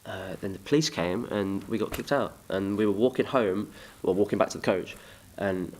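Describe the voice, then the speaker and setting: A man's voice: fairly low pitch, normal speed, darkish tone, a little hiss or hum. A young man from England chatting casually in an interview, rambling and self-deprecating. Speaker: musician, interview guest.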